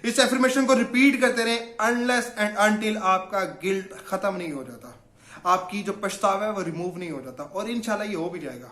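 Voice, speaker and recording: A man coaching listeners in a motivational self-help talk, slipping English phrases into his speech as he guides them through affirmations. His voice sits very high and sounds bright and forceful. The room around him rings with a noticeable echo. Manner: mixes English phrases into Urdu.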